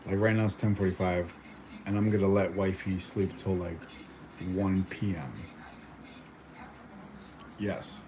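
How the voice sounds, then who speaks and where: Here the same Mexican-born vlogger talks low and fairly flat, taking his time with long pauses. It's a rambling, casual home chat packed with fillers and false starts, and background noise is audible.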